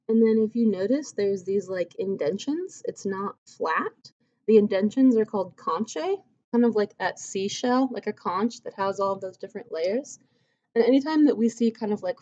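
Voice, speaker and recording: A woman's voice: medium pitch, mellow. A woman giving a recorded anatomy lecture, explaining casually with lots of "um" and "like". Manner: casual, chatty explaining with fillers like "um" and "like". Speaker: anatomy teacher. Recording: slightly dull lo-fi audio.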